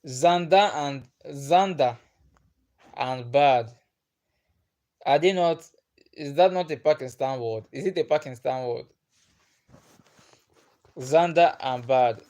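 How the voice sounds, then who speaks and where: Slow speech with long pauses marks this male livestream host, whose mid-range voice has a darkish tone. He chats casually, reading the comments. Igbo is his native tongue, and he's patient, repetitive, and prone to chuckling.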